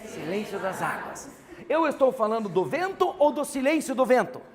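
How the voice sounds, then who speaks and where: Animated Brazilian male teacher lecturing. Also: very high-pitched, moderate pace, a crowd in the background. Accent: Brazilian Portuguese. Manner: animated, keeps prompting the class for answers. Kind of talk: classroom grammar lecture. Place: classroom with students.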